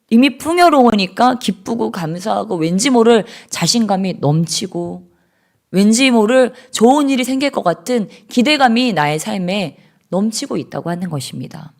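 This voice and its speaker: Woman pastor in church, sermon voice, wide swings from hushed to loud praise. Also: mid-range voice.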